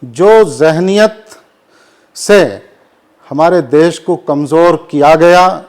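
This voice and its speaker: A cleric gives formal press interview answers on current affairs, speaking in a fairly high, slightly mellow voice. He takes his time, making measured statements filled with Urdu vocabulary.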